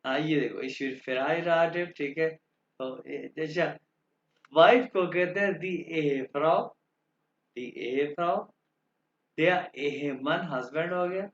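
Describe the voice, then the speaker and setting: Slow, patient male language teacher. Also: on the high side. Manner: patient, repetitive, checks understanding often. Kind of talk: classroom grammar lesson. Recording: dull, roomy classroom recording.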